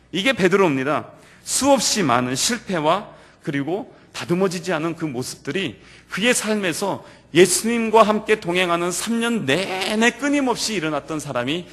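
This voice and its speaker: A male pastor preaching to a youth service in a church, telling the story vividly and swinging between loud and quiet. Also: on the high side. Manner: animated storytelling that acts out quoted lines. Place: church sanctuary.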